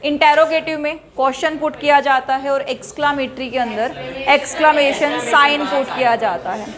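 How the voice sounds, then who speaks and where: High-voiced woman teacher lecturing a class. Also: fairly even intonation, moderate pace, a crowd in the background. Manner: quizzes students and calls for quiet; mixes Hindi explanation with English example sentences.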